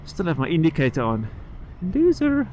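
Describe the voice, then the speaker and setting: A man talking casually and haltingly from inside his helmet while riding a motorcycle, rambling like a vlogger and picking his thread back up. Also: a little high. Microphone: microphone inside the helmet. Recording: inside-helmet sound with road and engine noise.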